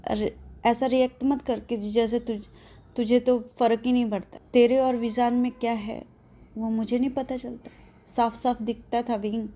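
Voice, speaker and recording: A woman's voice: on the high side, little pitch movement, normal speed, dark tone, natural voice. A woman voicing a scolding young male friend. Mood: reproachful. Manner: scolding, rough friendly banter.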